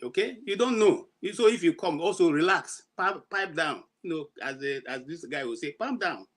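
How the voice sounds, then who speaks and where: On a heated panel, a middle-aged man with a Nigerian Igbo accent pushes his points argumentatively, mixing in pidgin. His slightly high, fairly bright voice has lively intonation and a moderate pace.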